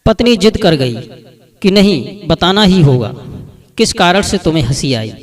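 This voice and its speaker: A man's voice: high-pitched, sing-song, measured pace, far from the mic. Man telling a folk tale, mic set back. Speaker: narrator. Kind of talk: storytelling narration.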